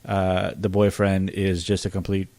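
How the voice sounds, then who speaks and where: A man's voice: low-pitched, completely flat delivery, moderate pace, a little mellow, no room sound. Blunt, scornful man reviewing a film. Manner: blunt, profane, scornful criticism. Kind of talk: casual movie review chat.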